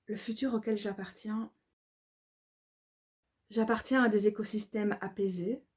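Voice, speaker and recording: Reading her own devotional poems aloud, a woman from Belgium speaks in a mid-range voice. She keeps her delivery calm and measured, with an incantatory quality.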